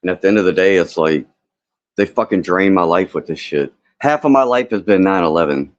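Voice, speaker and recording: A man's voice: low-pitched, fairly quick. A man in his fifties hosting a casual open-panel chat, blunt, profane and rambling. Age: 50s. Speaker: host of an open panel stream. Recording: muffled lo-fi audio.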